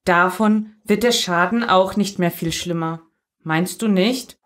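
A woman voicing a calm mother who speaks cautiously in a German Christmas story. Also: medium pitch, moderate pace. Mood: gentle. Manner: gentle, cautious. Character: calm, careful mother soothing her husband. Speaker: parish member voicing a story character.

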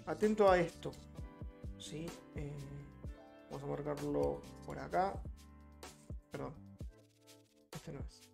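Gravelly Rioplatense man streaming live. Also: on the high side, slow, long pauses, darkish tone. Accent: Rioplatense Spanish. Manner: chatty, greets chat viewers by name. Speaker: trading streamer. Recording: faint music behind.

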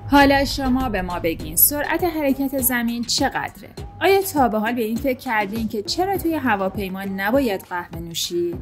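A woman reading a scripted science explainer in an even, read-aloud manner. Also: fairly high pitch, few pauses, soft background music. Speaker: channel narrator.

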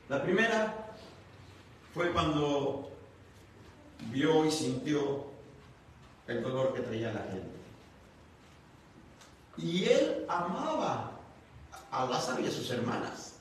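A man with a high, animated voice delivers an expressive storytelling sermon and turns to the congregation with questions. The sound is very echoey and comes from a mic placed some distance away. A faint hiss sits underneath. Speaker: preacher. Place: church service.

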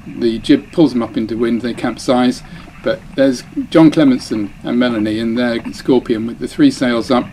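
Narrating his sailing race footage, the dinghy sailor sounds chatty and self-deprecating, often abandoning a phrase and restarting. His middle-pitched, dark voice is steady and moderately paced with hardly any pauses, and the low-quality recording carries faint boat and water noise.

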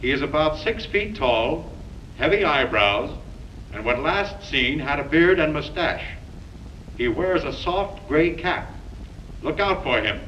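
A formal radio station announcer in an early talkie film, his slightly raised voice measured and official. The sound is muffled and distant, with a faint hiss under it, like an old 1929 soundtrack. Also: on the high side, animated, fairly bright tone. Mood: urgent. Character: formal male radio station announcer reading police bulletins.

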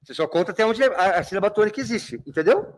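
High-voiced Brazilian man teaching. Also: lively intonation, quick pace. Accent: Brazilian Portuguese. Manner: keeps checking understanding, addresses students fondly. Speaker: literature teacher. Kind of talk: exam review lecture.

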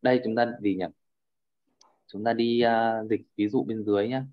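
A man's voice: fairly low pitch, steady tone, normal speed, muffled recording. A man teaching a class over a video call, often checking in with his students and repeating fillers as he explains. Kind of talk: online class lecture.

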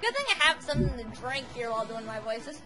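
A woman's voice: a little high, sing-song, quick pace, music in the background, low-quality recording. A woman hosting a let's play, chatting casually and upbeat about the game and her voices. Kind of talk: casual gameplay commentary.

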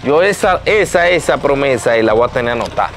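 A man's voice: medium pitch, expressive, quick pace, a bit bright, close to an everyday voice. Brief: a man as a playful pal, teasing banter, outdoors, faint music behind. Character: joking male friend, poor and hopeful. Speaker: comedy sketch actor. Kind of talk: comedic sketch dialogue.

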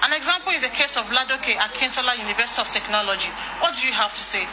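Woman playing a quick-talking Nigerian interviewer. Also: a little high, lightly acted. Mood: earnest. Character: earnest female interviewer questioning a professor. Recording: noisy replay off a screen.

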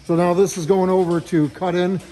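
A man's voice: high-pitched, level tone, fairly quick, warm tone, faint music behind. A man giving a casual walkthrough of his auto body shop, chatty, with lots of fillers, filmed on a handheld phone. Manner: chatty, filler-heavy explaining. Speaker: shop owner giving a tour. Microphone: handheld phone camera.

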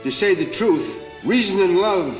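Gruff older man, lively, echoey room. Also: sits high, measured pace. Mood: stagey, earnest. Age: 60s. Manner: blunt, sardonic. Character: gruff older ex-police officer turned amateur Shakespeare actor. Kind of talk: television drama acting. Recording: echoey theater room, faint music.

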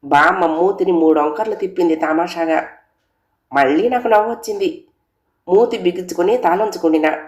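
A woman's voice: lowish voice, moderate pace. Woman narrating a comic story. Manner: lively, conversational first-person telling. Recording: roomy echo.

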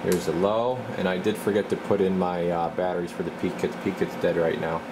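A man with a low voice talks a little fast, casually narrating a hands-on radio demonstration and chatting offhandedly to himself as he works. Steady, loud equipment and room hum run through the recording.

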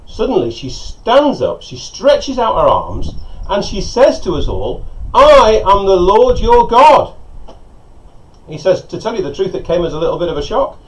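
A middle-aged man, a pastor, preaching a sermon and telling stories in an animated way, recorded on a lapel mic outside on a porch. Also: high voice, measured pace. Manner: storytelling, animated, gesturing with hands. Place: covered porch outdoors by a lake. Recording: slightly dull sound with faint outdoor ambience.

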